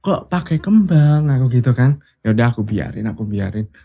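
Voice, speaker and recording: A man as an interview guest, telling a personal story in casual chat, animated and acting out the voices of people he quotes. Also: medium pitch, a little fast, husky.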